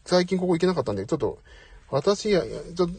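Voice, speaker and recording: A middle-aged man with a slightly high, husky voice chatting on a live audio stream. His pitch swings widely as he talks, and he keeps apologizing and joking at his own expense. The sound is dry and close, as if spoken into a phone. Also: sing-song, fast, darkish tone, no echo. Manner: chatty, apologetic, self-deprecating. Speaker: host. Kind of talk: casual live audio chat. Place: parked outside, away from home.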